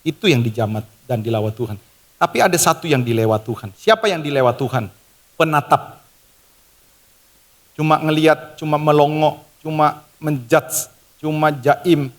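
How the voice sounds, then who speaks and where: A man's voice: fairly high pitch, moderate pace. A man preaching a sermon as pastor, emphatic and fervent, addressing the congregation directly. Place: large church hall. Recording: long church hall reverb with music. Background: worship music.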